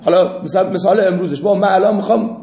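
A man's voice: sits high, dark tone. A man teaching a class, explaining through examples and putting questions to his students. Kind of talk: classroom lecture. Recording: echoey room, muffled lo-fi sound.

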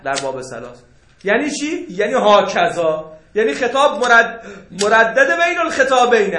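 Lively high-voiced man teaching a class. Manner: animated, joking, rhetorical questions. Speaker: seminary teacher. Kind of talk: jurisprudence lecture to students. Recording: echoey room.

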